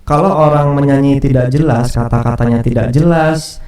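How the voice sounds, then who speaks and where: A man teaching a music lesson in a relaxed, explanatory way, repeating himself and using fillers as he goes. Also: medium pitch, moderate pace, far from the mic. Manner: casual explaining with fillers and restarts. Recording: roomy echo, voice off from the mic.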